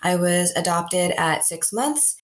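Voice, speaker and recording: A woman from the Boston area, a podcast guest, telling her personal story in a reflective, measured way. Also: on the low side, expressive. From United States (greater Boston area). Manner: reflective, measured, thoughtful pauses.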